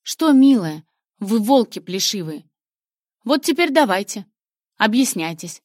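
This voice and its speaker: A woman voicing a sharp-tongued wife who scolds the men reproachfully, recorded close and dry. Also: mid-range voice, lively intonation, normal speed, dry recording, close to an everyday voice. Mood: scolding.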